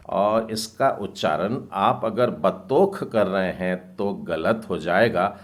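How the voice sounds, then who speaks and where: A man teaching Hebrew step by step, patiently spelling out each word and repeating it. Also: on the low side. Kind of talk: slow step-by-step lesson.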